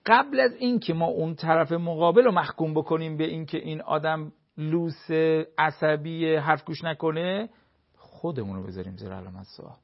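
A man's voice: fairly high pitch, gravelly. Guy on a talk show giving advice, lots of little examples, kinda dull sound. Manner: explains with everyday examples, acts out short dialogues.

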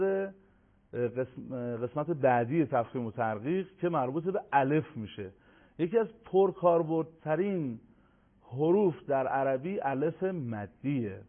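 A man explains recitation rules in a measured, teacherly way at a middling pitch. He leans on each Arabic letter as he names it in his examples. The sound is narrow and tinny, like a phone line. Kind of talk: televised lesson.

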